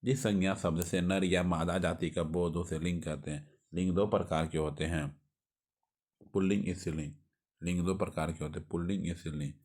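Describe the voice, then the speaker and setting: A man with a Bihari Hindi accent teaching a quick exam revision lesson, reading grammar notes aloud with restarts and frequent checks of "okay". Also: sits low, steady tone, a little mellow.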